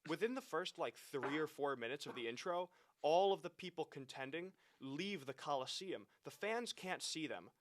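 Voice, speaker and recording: A man in his twenties co-hosting a podcast, talking casually with wry, animated jokes. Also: fairly high pitch, normal speed. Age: 20s. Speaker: podcast co-host. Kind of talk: casual chat.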